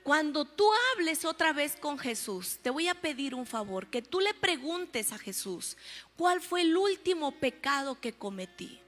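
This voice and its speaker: A doubting grown pastor, skeptical and a little patronizing, as a woman preacher puts him on. The voice stays high and bright, told within a sermon story. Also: sing-song, a little slow, big-room sound, exaggerated voice. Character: doubting grown male pastor, mildly mocking.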